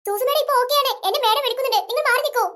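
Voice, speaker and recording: A woman voicing a brisk adult nurse in a toy-play story. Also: very high-pitched, very noisy.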